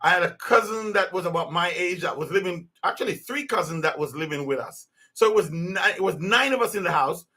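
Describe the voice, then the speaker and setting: Earnest man in his fifties, high and bright, unscripted podcast host who restarts his sentences a lot. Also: expressive, brisk, few pauses, slightly rough. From Jamaica. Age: 50s. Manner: earnest, rambling with many restarts. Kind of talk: unscripted personal monologue.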